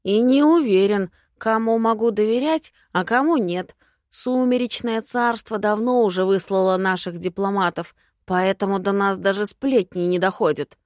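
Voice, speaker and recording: A woman voicing a cocky young immortal man who lies smoothly and talks in a calm, self-assured way, in an audiobook. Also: medium pitch, moderate pace, dry recording, studio quality, lightly acted.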